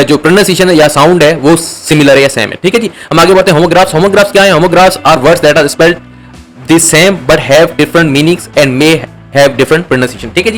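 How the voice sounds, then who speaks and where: Guy teaching a lesson, slows down to read out english definitions, keeps checking students follow, bit of quiet music behind. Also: high voice. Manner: explains in Hindi-English mix, slowing down to read English definitions; repeats "theek hai ji" to check understanding. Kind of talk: explaining a lesson over slides.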